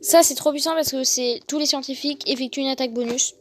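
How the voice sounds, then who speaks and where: A woman giving casual gameplay commentary, excitable and fretful, thinking aloud to her viewers. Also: high voice, fast talker. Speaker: gaming video host. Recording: noticeable background noise.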